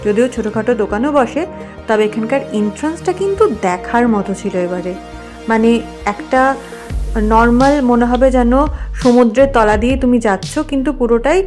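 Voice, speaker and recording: A woman's voice: fairly high pitch, brisk. A woman vlogger narrating a voice-over, explaining things to her viewers in a chatty way. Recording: voice-over with loud music behind. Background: music.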